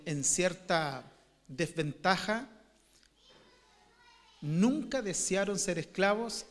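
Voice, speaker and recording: A man preaches from the pulpit, unhurried and a little high-pitched, stopping often on fillers and starting sentences over. His voice rings with the long reverb of a church hall. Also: fairly bright tone. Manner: storytelling with many fillers and restarts. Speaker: pastor. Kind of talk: sermon.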